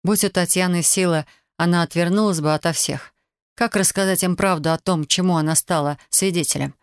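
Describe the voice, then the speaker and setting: A reader narrating a novel in an even, measured way, close to the mic. The sound is dry and dead, with no room around it. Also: medium pitch, clear, resonant tone, no room sound. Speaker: audiobook reader. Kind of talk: scripted literary narration.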